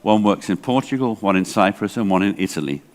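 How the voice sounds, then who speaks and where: Speaking briskly in a fairly low voice, an English man in his sixties who directs a library association gives a conference talk with an English accent. The large hall adds long reverb, and his talk is chatty, digressive, self-deprecating, and loaded with fillers.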